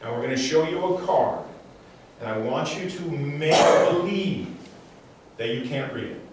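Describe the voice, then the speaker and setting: A man's voice: a little high, lively intonation, measured pace, a little mellow. A man works a live audience as an intense mind reader. He speaks emphatically, circling back on phrases and issuing short commands. His voice comes from some distance in a very reverberant room, with a faint layer of noise. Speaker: mind reader and stage performer. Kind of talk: live stage show, motivational talk with audience demonstration. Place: large echoey room before a live audience.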